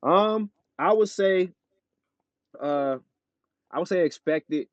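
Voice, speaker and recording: A man's voice: sits high, slow pace, no echo, muffled recording. A man in a casual interview chat as a rapper guest, laid-back and full of "you know what I'm saying".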